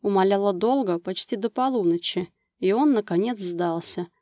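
Woman reading a romance audiobook, warm mellow voice, smooth expressive storytelling, dry close recording. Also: mid-range voice, normal speed, dry recording. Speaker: audiobook narrator. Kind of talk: scripted romance novel narration.

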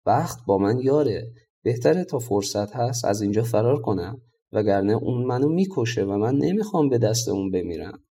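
Storybook river monster, male, proud and boastful, read by a man, mellow dark tone. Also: medium pitch, animated, husky. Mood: wary.

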